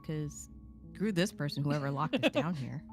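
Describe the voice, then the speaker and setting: A woman's voice: sits low, expressive, moderate pace, over music. A woman doing casual gameplay commentary with a playful, theatrical way of talking. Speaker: game player.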